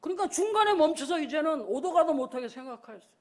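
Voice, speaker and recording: A man's voice: very high-pitched, animated, fast talker. A male pastor giving a Sunday sermon, telling a story and acting out the voices in it.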